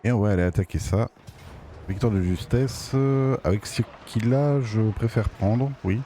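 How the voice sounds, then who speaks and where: A man's voice: fairly low pitch, moderate pace, mellow, a little hiss or hum. A man with a Belgian French accent giving casual, somewhat hesitant live commentary as a game streamer.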